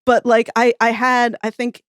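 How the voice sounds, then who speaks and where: A woman in her thirties, an audio fiction writer, appears as a podcast guest in a casual interview, coming across thoughtful, wry and nerdily enthusiastic. Her voice is on the high side, smooth and level at a moderate pace, captured in studio quality with no room sound.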